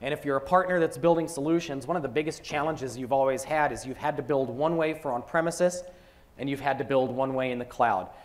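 A man presenting software at a conference, talking through a live demo with joking asides. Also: mid-range voice, a little fast.

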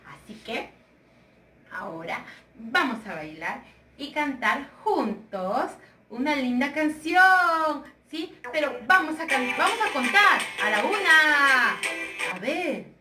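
A woman's voice: sits high, animated, slow pace, pushed and bright, reverberant, recorded from a distance, soft background music. A woman teaching a remote lesson to young children, sweet, sing-song and coaxing. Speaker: preschool teacher.

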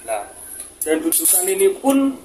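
A young seller gives a casual product review demo to viewers, informally calling them boss. His voice sits high with wildly swooping pitch and a slightly slow pace, and the noisy home video carries crowd noise and clicks.

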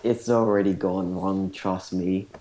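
Guy in a voice chat game being snarky at his friends, mellow voice, jokey and mocking. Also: sits low, steady tone, unhurried, low-quality recording. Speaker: player in a card game. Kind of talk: casual online game chat.

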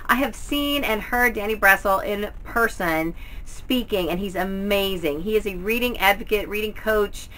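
Casting: middle-aged woman, bright forward voice, mid pitch, chatty home vlogger. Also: normal speed, rough recording. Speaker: book haul vlogger. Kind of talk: casual, chatty book review to camera. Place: indoors at home, in front of bookshelves.

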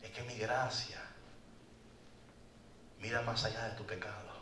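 A man voicing God as a loving, patient shepherd who gently reassures a lost sheep, speaking low and hushed within a sermon. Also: steady tone, a little slow, slight background noise. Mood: tender. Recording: echoey hall from far off.

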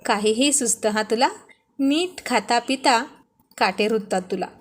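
A woman's voice: a little high, a little slow. A woman voicing a teasing, bossy young husband who mocks his wife playfully. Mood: mocking. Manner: mocking, playful taunts.

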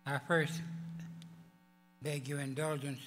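Growling, hoarse elderly man at a podium. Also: a little high, flat delivery, fairly bright tone. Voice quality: growling, hoarse voice from vocal cord paralysis. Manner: halting, deliberate delivery with stumbles. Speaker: award recipient giving acceptance speech. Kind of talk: formal acceptance speech. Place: large banquet hall stage. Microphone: podium microphones. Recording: echoey banquet hall PA, electrical hum.

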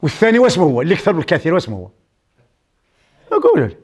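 A man with a Moroccan accent preaching a lively sermon, telling stories and quizzing his listeners. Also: a little high, very fast, slightly rough. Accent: Moroccan Arabic. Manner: animated storyteller who quizzes his listeners. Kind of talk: lively sermon mixing dialect and classical Arabic.

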